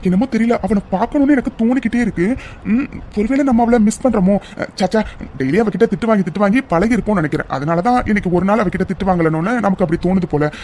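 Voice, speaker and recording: Cartoon hero: performer voicing a brooding young man, mid pitch, muttering and reassuring. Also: very fast, darkish tone, a little hiss or hum, lightly acted. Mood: restless. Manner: muttering self-talk, low and reassuring.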